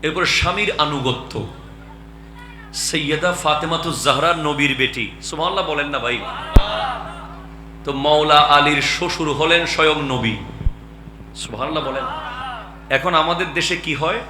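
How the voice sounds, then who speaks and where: A man's voice: fairly high pitch, measured pace, pauses often, echoey room, background noise. A man preaching an impassioned sermon to a gathering, urging the crowd to call back. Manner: rising to impassioned shouts, calls crowd to respond. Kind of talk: Bengali waz sermon.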